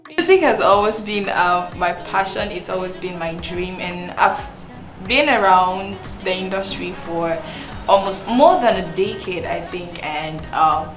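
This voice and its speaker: Woman, low voice, earnest, roomy echo, music underneath. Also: unhurried. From Cameroon. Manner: earnest, with many restarts and repeated words. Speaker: singer and songwriter. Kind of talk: to-camera interview talk. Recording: echoey room with music underneath.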